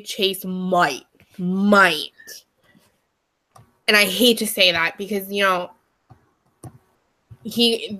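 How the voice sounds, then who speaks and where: A woman's voice: mid-range voice, gravelly, sharp tone. A young woman co-hosting a podcast, chatting casually and emphatically with lots of fillers. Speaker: podcast co-host. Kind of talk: casual chat.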